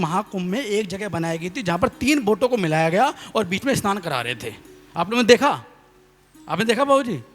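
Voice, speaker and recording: A young male comedy poet performs on a live stage with a high, animated voice that swings all over. His tone is bright and forceful. Long hall reverb trails each line. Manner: lively storytelling, calls on the audience to clap, acts out voices. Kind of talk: live comic poetry recital.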